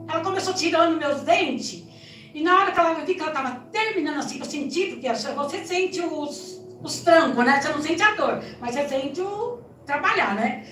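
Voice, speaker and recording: High-voiced woman giving church testimony. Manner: animated storytelling with frequent tag questions. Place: church sanctuary. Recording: echoey church hall, distant mic, soft music.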